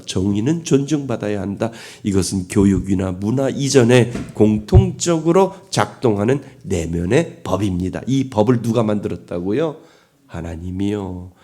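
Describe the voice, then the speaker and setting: A man's voice: fairly low pitch, dark tone. A middle-aged man preaching a sermon as pastor, asking the congregation rhetorical questions.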